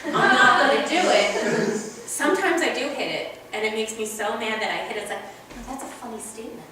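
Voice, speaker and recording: A woman's voice: on the high side, lively intonation, moderate pace, pushed and bright. A young woman from New York doing a stand-up comedy set, ranting in an exasperated way and laughing at her own jokes. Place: small comedy club stage. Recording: echoey club heard from far off, noisy.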